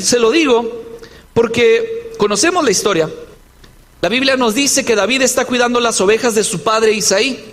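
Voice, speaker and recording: A man's voice: extremely high pitch, fairly bright tone, big-room sound. A male pastor preaching a sermon, telling a story dramatically and acting out the voices he quotes. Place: church.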